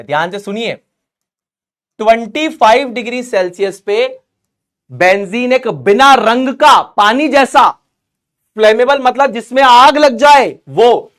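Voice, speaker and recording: A man's voice: sits high, fairly bright tone. A young man teaching an online chemistry class in a chatty, joking way, mixing explanations with banter aimed at students.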